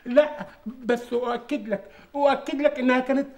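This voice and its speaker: A man's voice: very high voice, fairly even intonation, fairly quick, darkish tone. A whiny lovesick heavy guy. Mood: whiny pleading. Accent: Egyptian Arabic. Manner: pleading, whiny, tearful. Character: overweight lovesick young man, whiny.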